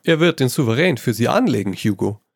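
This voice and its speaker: Speaking a little fast in a creaky mid-range voice, a man reads a story and voices an amused, worldly painter who teases his friend. He's lively and throws French phrases into the lines. There's no room sound.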